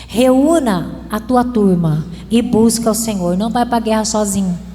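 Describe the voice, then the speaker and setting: A woman's voice: medium pitch, measured pace, mellow. A woman pastor with a Brazilian Portuguese accent, preaching a sermon with bursts of emphasis and playful asides. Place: church. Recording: long reverb of a church hall.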